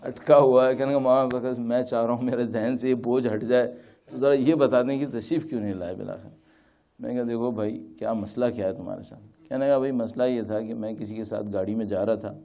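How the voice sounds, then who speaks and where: Male cleric, storytelling sermon voice, mid pitch, relaxed and warm. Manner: storytelling, rhetorical questions, acts out quoted dialogue. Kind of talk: religious talk with anecdotes.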